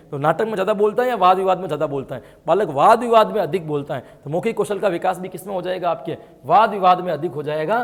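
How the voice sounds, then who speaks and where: High-voiced man teaching in an echoing hall. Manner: explains answers, keeps asking students rhetorical questions. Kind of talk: exam-prep lesson. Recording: long hall reverb.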